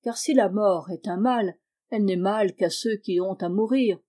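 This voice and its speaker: A woman's voice: medium pitch, moderate pace, mellow, lightly acted. A woman reading the lines of a cunning male sorcerer who sermonizes in a lofty, wordy manner, in an audiobook of a classic tale. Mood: lecturing.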